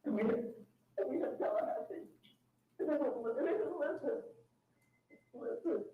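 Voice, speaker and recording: A woman's voice: sits high, huge pitch swings, normal speed. A woman heard on a played-back recorded phone call, talking urgently and repeating herself. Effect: recorded jail phone call played back. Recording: distant muffled phone playback, heavy room echo.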